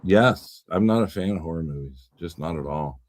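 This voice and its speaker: Male podcast host, very low voice, dry sound, rambling and blunt. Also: moderate pace, a little mellow, no echo. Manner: rambling, repeats words, swears when riled. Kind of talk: casual political chat.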